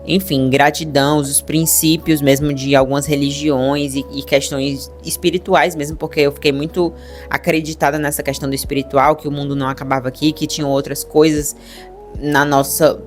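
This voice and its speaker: A young Brazilian woman with a Brazilian Portuguese accent, telling her personal story to her viewers in a chatty, animated way. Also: low voice, normal speed, soft background music. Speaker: vlogger.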